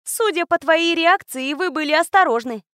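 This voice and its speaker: A woman reading aloud, voicing a small, sharp-tongued young woman who mocks with quick comebacks. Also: very high-pitched, lively intonation, dry recording, clean studio sound, voice pushed up. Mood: teasing.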